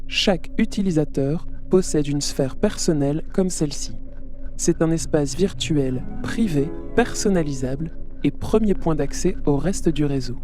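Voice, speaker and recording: A performer voicing a friendly virtual assistant AI with a synthetic robot-like sound. It announces things politely and brightly, like a system welcome message. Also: mid-range voice, measured pace, faint music behind. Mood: cheerful welcoming. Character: cheerful virtual assistant AI of a social network. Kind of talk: audio drama.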